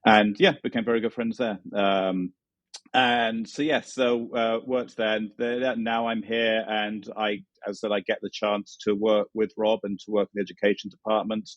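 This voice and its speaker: Low-voiced London man, halting delivery. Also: little pitch movement, dry recording, lo-fi sound. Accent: London English. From London, England. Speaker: music director and vocal teacher. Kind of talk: casual interview chat.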